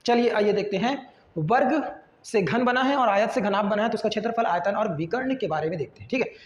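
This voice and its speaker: A man's voice: sits high, animated, brisk, slight background noise. A male teacher explains a math lesson and keeps asking the class questions that he answers himself. His voice is recorded in a roomy space with a long, ringing reverb. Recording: echoey room with long reverb.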